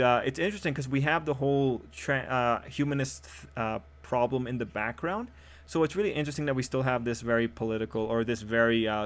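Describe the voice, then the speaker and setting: Hoarse man reviewing an episode. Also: medium pitch. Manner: upbeat, rambling with fillers and restarts. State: hoarse, losing his voice. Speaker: anime reviewer.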